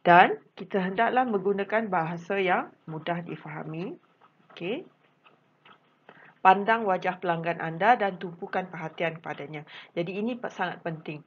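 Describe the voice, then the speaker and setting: A woman with a Malaysian Malay accent teaches a recorded special education lesson, patient and repetitive, with a constant "okey" to check understanding. Her voice is low and husky. The sound is dull and lo-fi. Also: moderate pace. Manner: patient, repeats points, frequent "okey" and "ha".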